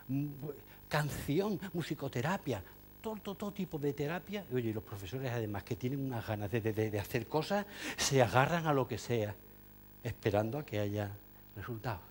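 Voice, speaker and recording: A man's voice: fairly high pitch, slight background noise. Wry man joking through a talk. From Spain. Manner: ironic, joking, with many asides and fillers. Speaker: speaker giving a talk to teachers. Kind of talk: humorous lecture to an audience.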